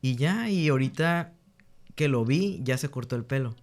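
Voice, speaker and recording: A man's voice: medium pitch, lively intonation, moderate pace. Earnest young man telling classroom stories. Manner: earnest, reenacts dialogue with students, frequent restarts. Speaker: guest, teacher. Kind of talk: candid interview storytelling.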